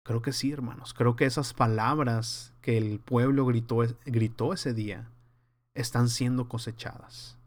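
A man's voice: mid-range voice, a little slow. A man teaching a verse-by-verse Bible study, earnest and conversational, warning his listeners in a preaching tone. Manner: acts out scenes in lively voices.

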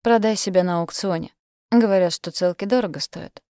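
A man's voice: sits high, moderate pace, a little mellow, dry recording, lightly acted. A coarse, short-tempered young man, put on by a woman narrator in a storybook reading. He sneers and snaps, and the delivery stays harsh. The sound is dry and close. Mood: mocking. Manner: harsh and mocking. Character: rude, impatient young man, irritated boyfriend.

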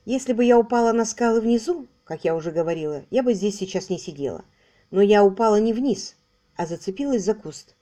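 A woman voicing a shaken but firm heiress in an audiobook, speaking in a mellow, measured way. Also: medium pitch, natural voice.

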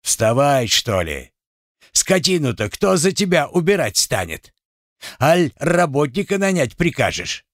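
A man's voice: a little high, big pitch swings, measured pace, dry recording, clean studio sound, voice pushed up. A man voicing a grumbling old father-in-law. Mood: scornful.

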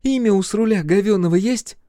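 A man's voice: sits high, a little fast, mellow, dry recording, clean studio sound, pitched above the performer's own voice, lightly acted. A man voicing a bold, mocking female centaur who teases and threatens.

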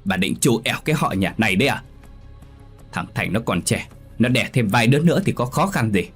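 A man voicing a stern, quick-tempered old patriarch who barks curt orders. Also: on the low side, lively intonation, breathy edge, faint music behind. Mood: harsh. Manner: curt, commanding, shouting orders.

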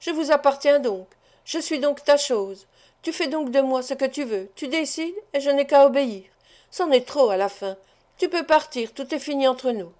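A woman's voice: on the high side, fairly even intonation, moderate pace, darkish tone, lightly acted. A woman voicing an angry, proud man who speaks harshly in furious outbursts.

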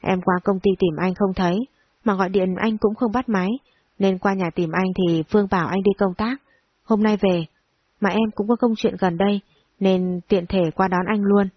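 A woman's voice: mid-range voice, steady tone, normal speed, no echo, highs cut off, natural voice. A woman reading the lines of a clingy, jealous young ex-girlfriend in an audio story, pleading and sulky. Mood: feigned cheer.

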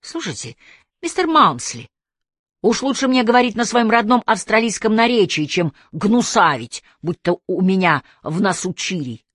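A woman voicing a brash, crude young Australian man who mocks others loudly in coarse slang, in an audiobook. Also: medium pitch, big pitch swings, moderate pace, no room sound, clean studio sound, voice pushed up. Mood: brash mocking. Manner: loud, coarse slang, mocking.

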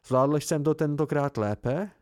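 A man reading an eccentric, absent-minded robed man who lapses between booming theatrics and distracted hesitation. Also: a little mellow, no room sound, clean studio sound, close to an everyday voice.

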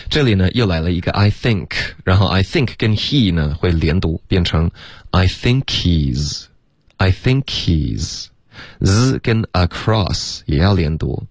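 A man teaching English pronunciation on a radio lesson, explaining in Mandarin and slowly demonstrating English phrases syllable by syllable. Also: low voice, no room sound, studio quality.

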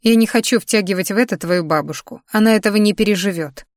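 A woman's voice: mid-range voice, fast talker, no room sound, clean studio sound, lightly acted. A woman voicing a worried aunt in her late thirties who scolds and pleads with her niece in an audiobook. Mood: pleading, scolding.

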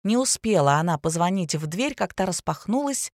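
A woman narrating a novel in an even, measured storytelling manner. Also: lowish voice, no room sound, studio quality. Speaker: audiobook narrator. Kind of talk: scripted narration.

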